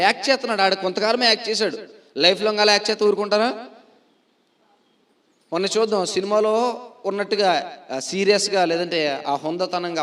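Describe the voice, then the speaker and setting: Slightly high-voiced, a man preaching as pastor poses rhetorical questions, repeats them and supplies his own answers. He alternates loud proclamations with quiet asides and slows to emphasize key phrases.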